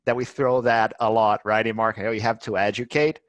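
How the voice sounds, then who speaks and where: In this business interview, the guest is a Brazilian marketing head who speaks eagerly, repeating words while he hunts for the right phrasing. He has a lowish male voice, a level tone and a slightly quick pace, with no room sound.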